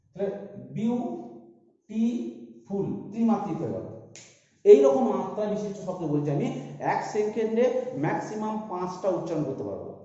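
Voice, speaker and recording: A male teacher, speaking in a high but very dark, mellow voice as he talks through sums and answers his own questions. The sound is dull and lo-fi, with a heavy echo and a long reverb from a large hall. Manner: works through sums aloud, asking and answering himself. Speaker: physics teacher. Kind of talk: classroom lecture. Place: large echoey room.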